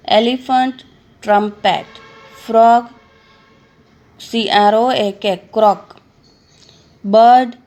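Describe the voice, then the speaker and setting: A woman's voice: mid-range voice, darkish tone. A woman teacher giving a lesson to young children, spelling words out letter by letter and asking questions she answers herself.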